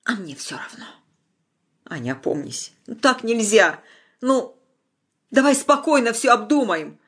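A young man, as a storybook reader puts him on, talks gently and persuasively. His tone is soothing and coaxing, with an uneasy, placating edge. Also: mid-range voice, animated, a little fast, voice pushed up.

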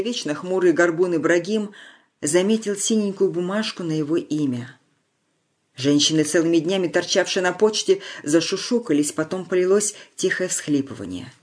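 A narrator reading a wartime village tale in a measured storytelling manner, slowing on solemn lines. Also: medium pitch, darkish tone. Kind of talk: scripted narration.

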